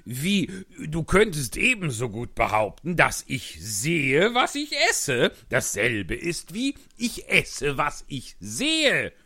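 A man's voice: fairly high pitch, wildly swooping pitch, slow pace, few pauses, sharp tone, heavily acted. A man playing a grumpy, fussy male Hatter in an audiobook reading, curt and scornful. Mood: grumbling.

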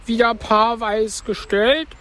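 A man voicing a tearful, sentimental female mock turtle in a high, sing-song voice, reading outdoors on a park bench. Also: steady tone, takes it slowly, a bit bright, slight background noise. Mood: excited.

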